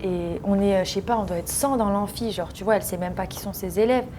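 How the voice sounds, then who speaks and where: French woman in her 20s chatting in an interview, lively storyteller, does little voices for people. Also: medium pitch, quick pace, background noise. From France. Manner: lively storytelling, acting out what others said. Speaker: interview guest, professional footballer. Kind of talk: casual interview chat.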